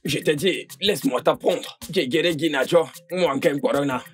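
A man's voice: medium pitch, fairly quick, slightly rough, natural voice. A man voicing a boastful young villager. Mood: mocking. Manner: boastful and teasing. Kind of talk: French film dub. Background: background music.

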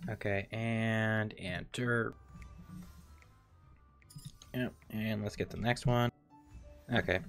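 A man streaming a game, muttering quietly to himself as he plays and thinking aloud. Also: lowish voice, steady tone, slow, creaky, long pauses, faint music behind. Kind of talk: casual gameplay commentary.

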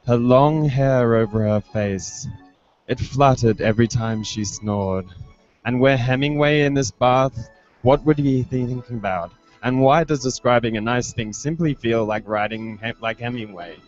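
In a mid-range, slightly mellow voice at a measured pace, a young man performs a literary reading of experimental fiction for a festival, holding a handheld mic close. The indoor event streams live online as a dull, lo-fi webcast, with a prominent musical soundscape in the background.

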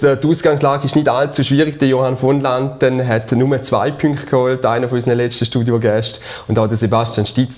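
A Swiss man in his thirties speaks at a medium pitch as a television sports host. He puts questions to a studio guest, close-miked on a lapel microphone. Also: darkish tone. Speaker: TV sports show host, interviewer. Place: small TV studio.

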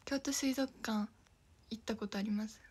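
Young kansai girl streaming from home, giggly, kinda breathy voice, sits up high, half whispers stuff. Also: fairly even intonation, moderate pace, darkish tone. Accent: Kansai Japanese. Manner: chatty, giggly, thanks viewers by name; often drops to a whisper. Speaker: idol livestreamer. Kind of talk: casual livestream chat.

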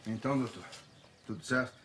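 A man acting a calm, serious health worker in a film drama, voicing earnest concern. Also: mid-range voice, brisk, noisy background, lightly acted.

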